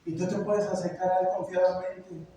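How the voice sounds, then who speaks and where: Pastor guy preaching, kinda high voice, joking, super echoey hall, mic far away. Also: flat delivery, normal speed, warm tone, a little hiss or hum. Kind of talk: sermon. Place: church hall.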